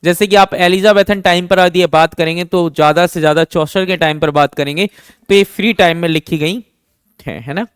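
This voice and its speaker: A man's voice: sits high, clear, resonant tone, dry recording, clean studio sound. Man teaching, asking and answering himself. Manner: asks himself questions and answers them; repeats key terms slowly. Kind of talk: exam-prep lesson in Hindi mixed with English.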